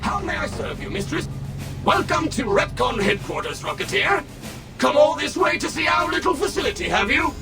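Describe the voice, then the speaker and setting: A too-smooth android receptionist, all polish and courtesy. His high, bright voice glides through a sing-song sales pitch, with game music playing clearly behind him. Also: sing-song, normal speed, full character voice. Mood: ingratiating. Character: overly smooth polite male robot tour guide. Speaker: receptionist and museum tour guide. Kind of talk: video game character dialogue.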